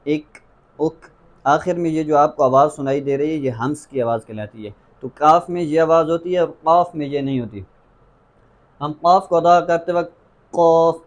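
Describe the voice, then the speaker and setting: A man teaching tajweed, working through the alphabet one sound at a time. He repeats each letter patiently and stretches some into a half-sung tone. His voice sits a little high for a man. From Pakistan. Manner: patient, drills letters by repeating them slowly. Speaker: Quran recitation teacher. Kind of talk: tajweed pronunciation lesson.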